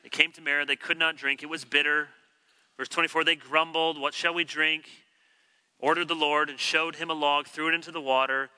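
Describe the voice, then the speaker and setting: A man's voice: fairly high pitch, flat delivery, fairly quick, bright, forceful tone, smooth. A man preaching an expository sermon, teacherly, who acts out the quoted complaints from scripture. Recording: long hall reverb.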